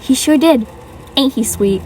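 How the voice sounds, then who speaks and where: A woman voicing a cheerful, folksy female squirrel friend in a high, bright put-on voice, with music playing behind. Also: lively intonation, unhurried, distant mic, a little hiss or hum. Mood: encouraging. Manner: folksy and reassuring.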